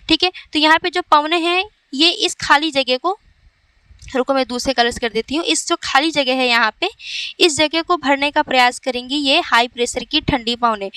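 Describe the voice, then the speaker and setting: A woman teacher explains at a whiteboard in a high, bright voice. She repeats key points and keeps checking in with her students. The sound is dry and a little distant from the mic. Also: no echo. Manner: repetitive, checking in with "ठीक है". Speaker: exam coaching teacher.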